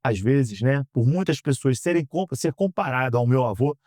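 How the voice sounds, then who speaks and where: Man, 30s, from Brazil; earnest, measured interview guest, middle voice, dry studio mic. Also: mid-range voice, expressive, a little mellow, dry recording. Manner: earnest, measured, frequent "né?" tags. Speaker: guest, politician. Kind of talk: interview answers. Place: podcast studio.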